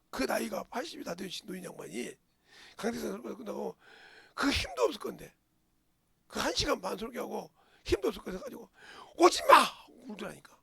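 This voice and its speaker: A middle-aged male pastor preaching a sermon in a church, dropping to whispers and bursting into shouts. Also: high voice, vocal fry, husky. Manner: swings from hushed whispers to sudden shouts. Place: church sanctuary.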